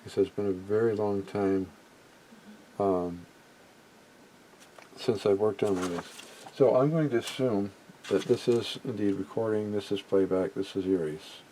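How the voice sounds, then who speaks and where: A middle-aged or older man, a vintage electronics hobbyist, shows off his equipment in an unscripted hands-on demo. His voice is lowish and warm, with a measured pace, and he muses hesitantly, often trailing off mid-thought. The home recording is low quality, with background noise.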